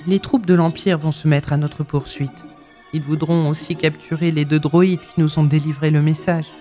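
A man voicing a calm, wise old warrior mentor in a storybook reading, speaking low and gravely. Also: moderate pace, soft background music, close to an everyday voice.

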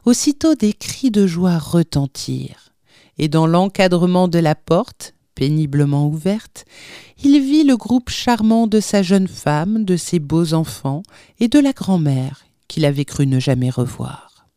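A woman reading a story aloud, with slow, measured narration and lively voiced dialogue. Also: on the low side, dry recording, clean studio sound. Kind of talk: audiobook narration with acted dialogue.

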